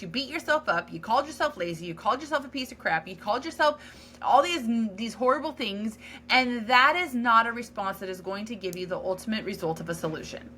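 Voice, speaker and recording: A woman's voice: a little high, pushed and bright, slight background noise. A woman hosting a solo podcast, talking in a candid, earnest, self-reflective way with casual fillers and restarts. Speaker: podcast host.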